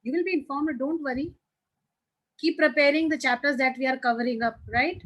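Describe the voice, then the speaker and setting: High-pitched Indian woman teaching. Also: a little fast, fairly bright tone. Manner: mixes Hindi into English, addresses pupils affectionately. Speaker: school teacher. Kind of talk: online class teaching, informal.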